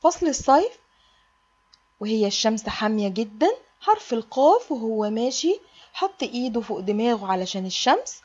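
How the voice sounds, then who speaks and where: A woman's voice: a little high, sing-song, a little fast, darkish tone, slightly rough, lo-fi sound. A woman with an Egyptian Arabic accent, teaching a kindergarten alphabet lesson in a sing-song way and stretching out the letter sounds for small children.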